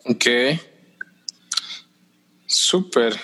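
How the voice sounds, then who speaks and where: A man's voice: extremely slow, bright, forceful tone. A man hosting a casual conversation, joking and playful. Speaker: podcast host.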